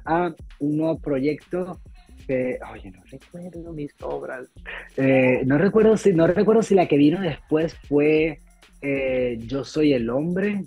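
Speaking over a dull, lo-fi video call with faint music in the background, a man from Venezuela talks about his stage roles from a home room. This actor guest has a medium-pitched voice with a breathy edge, and his casual interview chat rambles along, full of fillers and restarts.

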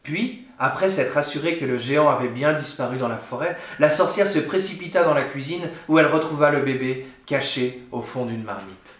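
A man reading a children's picture book aloud, with an expressive, dramatic delivery. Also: mid-range voice. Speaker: children's storyteller. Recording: roomy echo.

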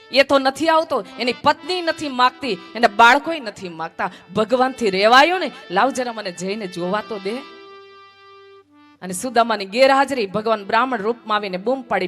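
A woman from Gujarat with a fairly high voice tells a devotional story in sermon form. She speaks emphatically and repeats key phrases for effect, with faint instrumental music behind her. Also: fairly bright tone. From Gujarat, India.

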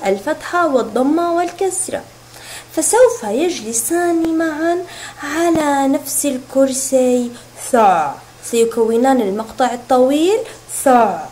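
A woman teaching a recorded reading lesson to young children, sounding out syllables slowly and clearly. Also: high voice, a little mellow, a little hiss or hum, rough recording. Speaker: kindergarten teacher.

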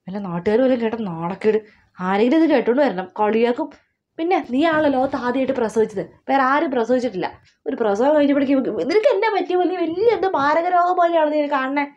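Woman doing a high-voiced scolding mother, nagging, fast, comic skit. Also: expressive, darkish tone, highs cut off. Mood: hushed scolding. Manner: scolding, nagging, rapid-fire questions. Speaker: mother of a new mother.

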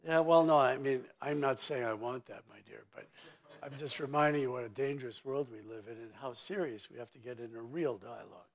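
Older man, mining executive on stage, blunt and emphatic, big sweeping claims, medium-pitched voice, lapel mic. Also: brisk. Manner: emphatic, sweeping and blunt, with vivid turns of phrase. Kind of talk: conference stage interview. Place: conference stage before an audience.

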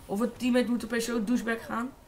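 A Dutch teenage boy giving casual, excitable live commentary on a shooter game and swearing freely. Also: very high voice, fast talker, slight background noise. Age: teens. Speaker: gaming YouTuber.

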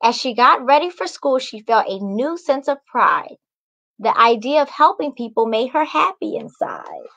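A young woman who writes children's books reads a storybook and talks to children, addressing them directly and encouraging them. Her voice is high-pitched, very animated, and a bit bright with vocal fry, at a moderate pace. The video call mic in her small room at home gives dull audio.

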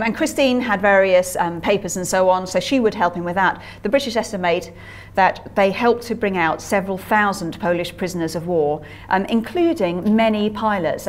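Lady author doing a lecture at a museum, mid pitch, lots of ums, storytelling vibe. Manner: chatty anecdotal delivery with frequent ums and uhs. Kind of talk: public history lecture, storytelling.

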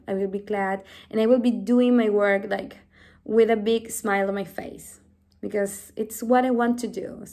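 Sitting in a small room at home, a young English teacher from Chile introduces herself on video to apply for volunteer work. She's in her twenties, speaks Spanish natively with a Chilean accent, and has a warm, medium-pitched voice; friendly and earnest, she frequently starts her sentences over, recorded by a nearby device camera.

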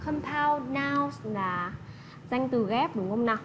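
A woman teacher walks children through an English lesson in a patient, checking manner. Her voice sits slightly high. A steady hiss of noise runs under the recording. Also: slow pace, poor audio. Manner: patient, repeats checks like "được chưa".

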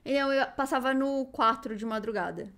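This is a woman in her thirties from Brazil, chatting as a channel co-host with a high, bright voice. She tells her stories in an animated, quick way. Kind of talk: casual chat.

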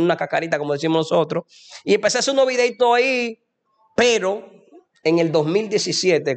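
Young man, gravelly voice, fervent, preachy, religious testimony. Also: fairly high pitch. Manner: preachy, fervent, addresses listener as "amado". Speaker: guest giving a testimony.

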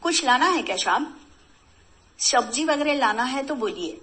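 A woman's voice: high voice, lively intonation, normal speed, noisy background, voice pushed up. A woman voicing a polite, eager male house servant who speaks Hindi with a Bihari accent.

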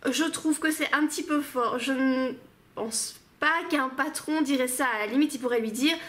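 A woman's voice: high voice, moderate pace, a bit bright. A woman reviewing stories aloud in a casual, hesitant way, full of fillers. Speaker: book reviewer. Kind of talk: casual spoken critique.

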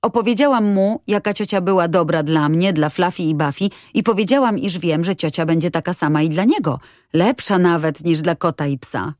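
Kobieta grająca rozgadaną, radosną dziewczynkę. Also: female voice, on the low side, fairly quick, a little mellow, no room sound, studio quality, natural voice. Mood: eager. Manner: eager, breathless chatter. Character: cheerful chatty little girl.

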